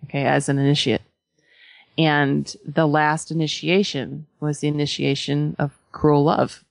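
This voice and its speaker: A woman with a low-pitched voice and a noticeable creak speaks as a spiritual teacher. She is conversational yet emphatic, stopping for pauses and adding little check-in questions, in a close, dry sound. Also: level tone, no echo. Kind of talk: spiritual talk to followers, conversational.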